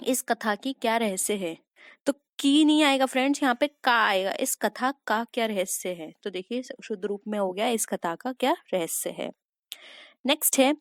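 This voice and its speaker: A woman teaching grammar for an entrance exam in a chatty way. She reads each sentence slowly and then explains it, and keeps calling her viewers "friends". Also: on the high side, dry recording, clean studio sound. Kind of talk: exam-prep lesson.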